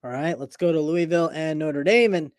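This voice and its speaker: Higher-voiced man hosting a sports show. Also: brisk, dry recording, studio quality. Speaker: show host. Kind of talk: casual podcast chat.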